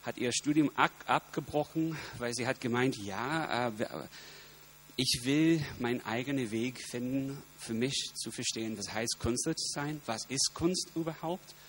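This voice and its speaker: A singer-songwriter appearing as a guest speaker, this man from the United States has an American accent and English as his first language. His informal personal talk is halting, as he searches for words in a language not his own using non-native grammar. His voice is mid-range, with a steady electrical hum behind it.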